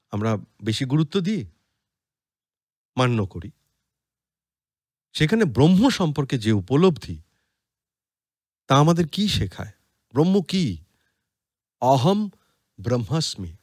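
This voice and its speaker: Bengali man, spiritual podcast talk, very slow and measured, animated pitch, dry close sound. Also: no echo. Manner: slow, deliberate, chanting Sanskrit verses. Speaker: podcast speaker on scripture.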